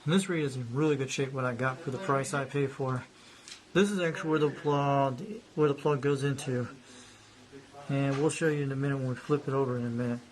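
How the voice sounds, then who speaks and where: Here a man with a medium-pitched, fairly evenly intoned voice speaks briskly over a rough recording. He's a hobbyist giving casual narration as he displays an old radio, rambling and repeating himself.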